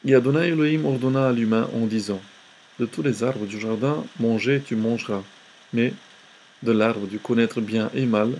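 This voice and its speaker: Slow, halting male Old Testament lecturer. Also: mid-range voice, darkish tone, a little hiss or hum. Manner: slow, halting reading with restarts. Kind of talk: lecture reading scripture aloud.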